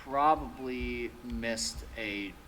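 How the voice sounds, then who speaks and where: A man's voice: medium pitch, drawn-out words, fairly bright tone. A young man casually chatting and joking while building in a game, thinking aloud as he works from his home desk mic. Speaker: let's play co-host. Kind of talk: casual gameplay chat.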